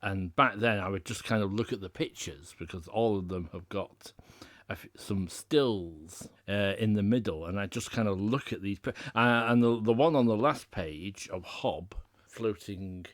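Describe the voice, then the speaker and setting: A man's voice: on the low side, normal speed, no echo, studio quality. A man chatting enthusiastically as a podcast panelist, often laughing mid-sentence. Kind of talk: casual chat.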